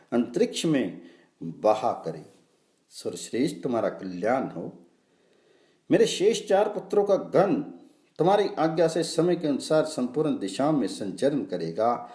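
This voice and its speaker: A man's voice: mid-range voice, warm tone, reverberant. A man reading the lines of the mother goddess Diti in earnest, imploring recitation. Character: devout mother goddess Diti, pleading, gentle.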